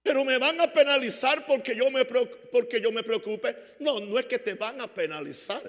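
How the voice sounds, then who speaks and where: High-voiced man preaching in a hall. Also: moderate pace, faint music behind. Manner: preaching with call-and-response to the congregation; swings between loud emphatic bursts and quiet asides. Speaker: pastor. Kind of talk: sermon.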